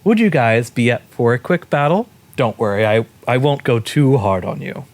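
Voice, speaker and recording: Guy doing a brisk friendly lady trainer, clipped, mentor type, mid pitch. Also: expressive, no echo, natural voice. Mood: reassuring.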